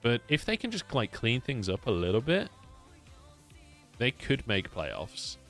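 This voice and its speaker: A man's voice: mid-range voice, huge pitch swings, unhurried, a bit bright, faint music behind. A British man, an esports caster, chatting casually on a stream, swearing freely and answering viewers' questions. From United Kingdom.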